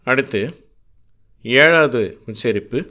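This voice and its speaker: A man with a Tamil accent teaching English phonics, spelling out sounds slowly and deliberately one at a time. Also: mid-range voice, sharp tone, highs cut off. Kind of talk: slow, step-by-step teaching.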